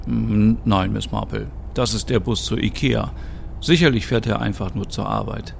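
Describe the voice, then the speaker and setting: A man's voice: on the low side, normal speed, creaky, slight background noise. A man voicing a dry, skeptical young man in an audio soap opera, speaking in a wry, teasing way.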